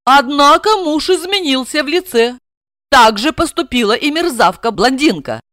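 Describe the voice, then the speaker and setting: Выразительная рассказчица с насмешливыми ремарками, голос чуть выше среднего, сухая близкая запись. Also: female voice, sits high, normal speed, dry recording, clean studio sound. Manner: ironic, lively asides. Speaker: narrator. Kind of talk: expressive ironic storytelling.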